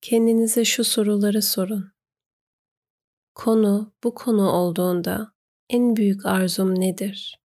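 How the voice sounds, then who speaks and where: A woman narrating a guided meditation, giving gentle, unhurried instructions with pauses. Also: mid-range voice, steady tone.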